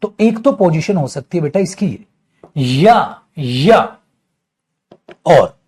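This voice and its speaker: A male English teacher leads a grammar class in an animated, rising and falling voice. His tone is slightly husky and fairly high. He drills example sentences slowly and repeats them. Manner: lively, addresses students as beta, repeats phrases slowly.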